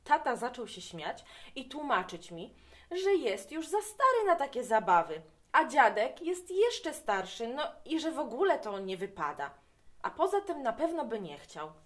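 A woman reading a children's story aloud to young listeners, with an expressive, animated delivery. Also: high voice, normal speed.

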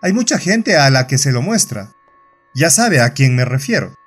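Gentleman companion in a horror audio story, stern and probing, Latin American accent, read by a male narrator. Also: mid-range voice, big pitch swings, normal speed, husky, faint music behind. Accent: Latin American Spanish. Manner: probing, then stern and warning.

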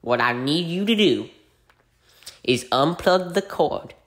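An actor playing a bored customer service agent at a cable company, reciting phone scripts in a short film. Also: male voice, a little high, animated, slow, a bit bright, reverberant. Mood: dismissive. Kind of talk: short film comedy acting.

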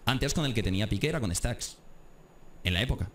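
A man, a streamer in a played clip, making pointed, measured remarks to his viewers. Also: on the low side, expressive, slight background noise.

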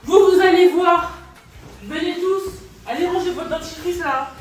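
A woman's voice: very high-pitched, measured pace, recorded from a distance, a little hiss or hum. A woman playing a grumpy, impatient babysitter who scolds and orders the children around in a home sketch. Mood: scolding. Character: bossy, grumpy young female babysitter. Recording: very echoey room, from off-mic, music behind.

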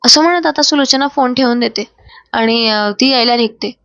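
A woman narrating a recap of a TV serial in a brisk storytelling manner with fillers. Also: on the high side, fairly bright tone, no echo. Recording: dry, slightly dull sound.

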